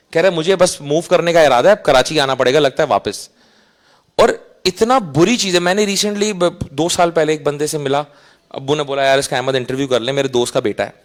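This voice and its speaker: A man's voice: fairly high pitch, a bit bright. A man with a Pakistani Urdu accent, giving a casual, anecdotal talk to students and often checking 'right?'. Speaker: invited speaker.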